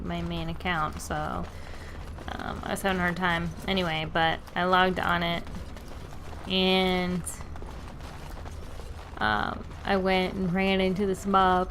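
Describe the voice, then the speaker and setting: A woman streaming a game, chatting casually and apologizing for getting distracted. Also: lowish voice. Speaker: gaming streamer. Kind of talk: casual let's-play chat. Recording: game music loud behind.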